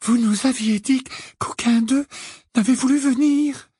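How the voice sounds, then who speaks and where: A man voicing a frightened, pleading teenage girl in an audiobook, shrill and breathless. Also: fairly even intonation, a little slow, dark tone, slightly rough, no room sound, clean studio sound, exaggerated voice. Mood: distressed. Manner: shrill, breathless and high-pitched. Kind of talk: audiobook character reading.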